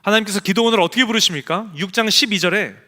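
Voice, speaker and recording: Pastor, male, bright forceful tone, echoey sanctuary; emphatic preacher who acts out quotes. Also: sits high, racing. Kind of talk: sermon. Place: church sanctuary. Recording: echoey church hall.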